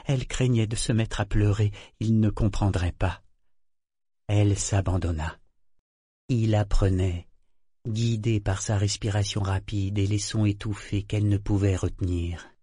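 Guy reading an audiobook, lowish voice, steady, dry close sound. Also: husky, dry recording. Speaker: audiobook narrator. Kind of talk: scripted narration.

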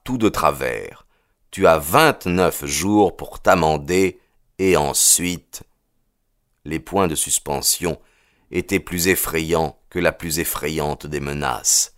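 Deep-voiced guy reading a novel aloud, measured and expressive, totally dry sound. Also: dry recording. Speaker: audiobook narrator. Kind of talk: scripted narration.

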